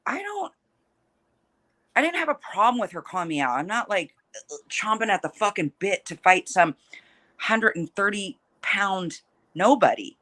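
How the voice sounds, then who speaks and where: A woman's voice: mid-range voice, lively intonation, normal speed, fairly bright tone. A woman fighter talking casually in an interview, feisty, combative and blunt, swearing freely as she talks trash.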